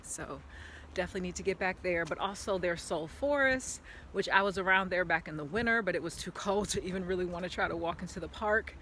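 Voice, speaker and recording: Woman walking and talking outdoors, bright voice, chatty and rambling, handheld camera. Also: lowish voice, brisk, a little hiss or hum. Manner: chatty, rambling, lots of "like" fillers; talking while walking uphill. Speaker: vlogger. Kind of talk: casual walking vlog. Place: outdoor park path on a hillside. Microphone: handheld camera while walking.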